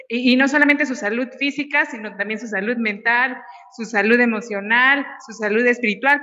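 A woman hosting an interview, talking in a halting way with many repeated words and fillers. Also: fairly high pitch, bright, forceful tone. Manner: hesitant, repeats words while asking. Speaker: podcast host. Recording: lo-fi audio with long reverb.

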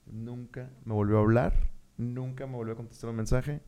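A young man with a Mexican accent tells a story on a casual podcast chat. He is animated and swears freely, acting out his own reactions with jumps in his voice. His pitch sits in a middle range. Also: normal speed, clear, resonant tone. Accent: Mexican Spanish. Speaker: podcast co-host.

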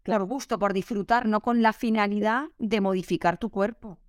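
A woman hosting an interview, asking gentle, attentive questions. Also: medium pitch, steady tone, normal speed, dry recording, studio quality. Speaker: host.

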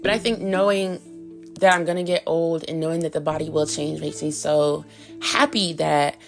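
Frank, gravelly-voiced woman podcaster. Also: low-pitched, steady tone, moderate pace, over music. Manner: candid, frank and chatty with many fillers. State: hiccuping and coughing. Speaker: podcast host. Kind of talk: casual solo podcast monologue.

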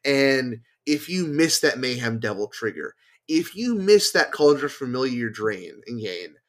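A man's voice: mid-range voice, very animated, unhurried. A man, a podcast guest, talking casually about a card game and thinking aloud with many fillers and restarts. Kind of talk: casual chat.

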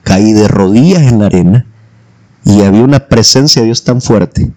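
A man from El Salvador with a Salvadoran accent, telling a personal faith testimony as a guest, lively and acting out the voices he quotes. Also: on the low side, moderate pace. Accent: Salvadoran Spanish.

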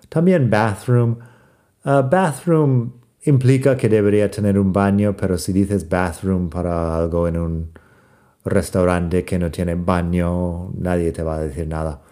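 A man from the United States teaching British English expressions in Spanish as a second language, speaking slowly and spelling words out letter by letter. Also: low voice, mellow. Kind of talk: podcast lesson.

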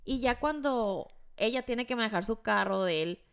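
Young Mexican woman, co-host, high clear voice, chatty reactions, mixes in English. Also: normal speed. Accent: Mexican Spanish. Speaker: podcast co-host. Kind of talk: casual chat.

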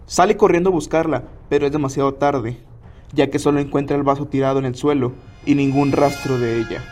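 A man narrating a scary story in a measured, steady way. His voice sits at an ordinary pitch for a man. The delivery is scripted and even. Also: soft background music.

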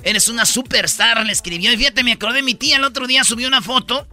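A man's voice: extremely high pitch, quick pace, bright, forceful tone. A man hosting a comedy radio show, telling jokes and news stories and acting out the voices of the people in them. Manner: joking, storytelling, acts out quoted voices.

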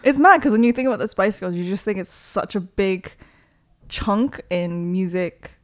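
A young woman, a DJ and promoter born in South Korea and raised in Toronto, chats casually as an interview guest. Her voice is mid-range at a moderate pace, her talk full of "like" and easy laughter.

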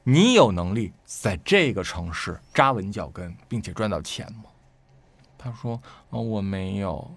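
Male storyteller, low voice, lively and emphatic, plays out the dialogue himself. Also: measured pace, breathy edge, no echo. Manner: animated, acts out quoted speech with sharp rises. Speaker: storyteller guest. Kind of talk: casual conversational storytelling.

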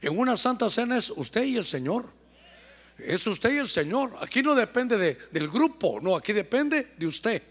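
Honduran preacher man going hard at church, lots of "hermano", high-pitched and echoey. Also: very animated, normal speed, fairly bright tone. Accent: Honduran Spanish. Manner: fervent, keeps addressing "hermano". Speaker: apostle preaching. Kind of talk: sermon. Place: church service. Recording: long church hall reverb.

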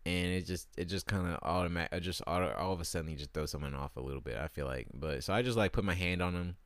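Young guy venting to camera, really low voice, dry sound, lots of like and you know. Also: fast, no echo. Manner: crude, rambling, exasperated, many fillers. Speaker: vlogger. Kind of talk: profane comedic rant to camera.

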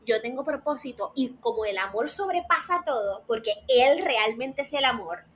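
A woman's voice: fairly high pitch, moderate pace, slight background noise. A woman talking animatedly as a guest on a casual faith podcast, acting out prayers and questions as she goes. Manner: animated, talks at length, acts out prayers and questions.

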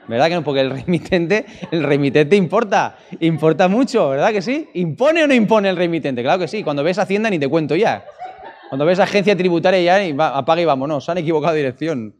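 Man, preacher, sermon, lively rising and falling pitch, long hall reverb. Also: fast. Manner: animated, with rhetorical questions to the audience.

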